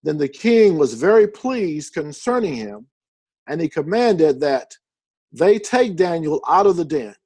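High-voiced conversational male preacher. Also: big pitch swings, measured pace, dark tone, husky, no room sound. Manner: conversational, reads verses then comments with enthusiasm. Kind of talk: sermon reading and explaining scripture.

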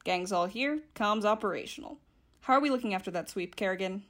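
A woman's voice: mid-range voice, lively intonation, fairly quick, a bit bright. An actress playing a curt, bossy female starship captain, heard over the ship's comms channel with a slightly distant sound. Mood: commanding. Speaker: ship's commander.

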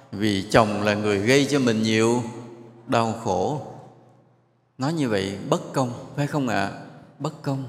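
A man's voice: fairly low pitch, a little hiss or hum. A man, a monk giving a sermon to a live audience, telling stories and putting questions to the crowd. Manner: storytelling, asks the audience questions and jokes with them. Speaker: monk giving a dharma talk. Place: large hall with an audience. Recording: echoey hall with long reverb.

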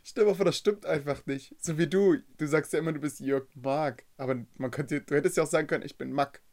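A man with a somewhat higher voice, chatting casually on a podcast. He throws in jokes and teases his co-host. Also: quick pace, darkish tone. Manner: joking, teasing. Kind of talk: casual chat.

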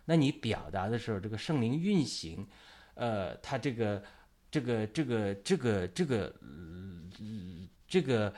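A man's voice: fairly low pitch, very animated, unhurried, darkish tone. Guy hosting a church talk show, voice rises and falls all over, rambles on with lots of fillers. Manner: rambling, many fillers and restarts. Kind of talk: casual church discussion.

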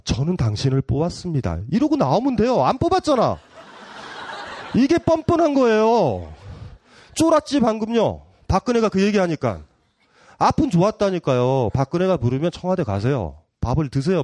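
A man's voice: on the high side, wildly swooping pitch, moderate pace, a little mellow, no room sound. A middle-aged man giving a public philosophy lecture, playful and provocative, often laughing and teasing his audience.

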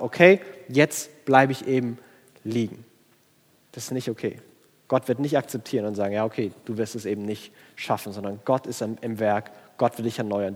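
Guy preaching, pleading then getting loud, voice rings round a big hall. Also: mid-range voice. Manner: earnest, pleading, with sudden soft drops and rising outbursts. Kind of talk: sermon.

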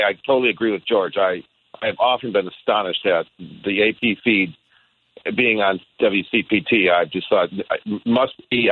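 A man calling in to a radio talk show over the phone, talking in a wry, animated, casual way. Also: lowish voice, a little hiss or hum. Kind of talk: casual political call-in chat. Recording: tinny phone line.

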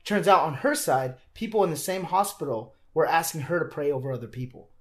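A man's voice: a little high, brisk, a bit bright. A young man, a podcast guest, earnestly telling a personal faith story in casual conversation, often restarting his sentences.

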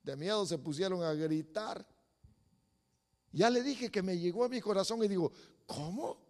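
A man preaching a sermon as pastor, breaking into sudden loud exclamations and acting out quoted voices. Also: sits high, moderate pace. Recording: long reverb of a hall.

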